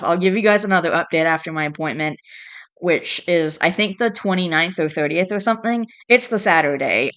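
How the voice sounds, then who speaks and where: Reading online posts aloud, this host rambles casually, sighing and correcting himself as he goes. His mid-range voice is fairly bright and clean, though his nose is congested and stuffed-up, making him sound nasal.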